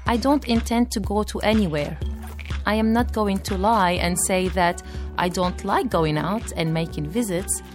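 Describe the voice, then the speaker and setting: A young woman from Iraq reads her personal blog posts aloud over background music. Her medium-pitched voice is earnest and measured, and her phrasing is non-native.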